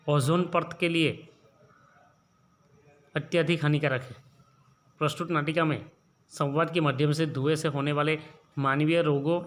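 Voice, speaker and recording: Slow, patient male teacher from Gujarat. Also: fairly high pitch, fairly bright tone. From Gujarat, India. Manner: slow, explains and repeats each line. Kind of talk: textbook lesson explanation.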